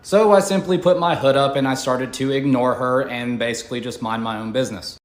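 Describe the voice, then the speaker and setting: A man's voice: medium pitch, fairly even intonation, a little fast. A man, a social media creator, casually telling his side of a story in a colloquial, matter-of-fact way. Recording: echoey room.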